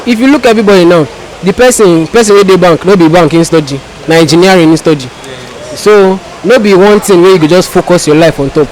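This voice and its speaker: A high-voiced man with a Nigerian accent answers a street interviewer in West African Pidgin. He exhorts the listener and circles back over his phrases. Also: fast, darkish tone, rough recording.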